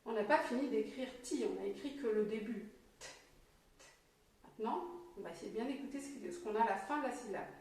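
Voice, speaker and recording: A French woman teacher, slowly and clearly sounding out syllables for young children. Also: on the high side, darkish tone, recorded from a distance. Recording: very echoey room, voice from off mic.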